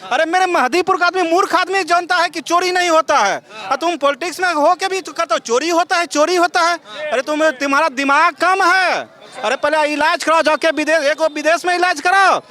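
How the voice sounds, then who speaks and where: Man, very high voice, mocking, emphatic, street interview. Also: a little fast, pushed and bright. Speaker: member of the public. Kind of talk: street vox pop.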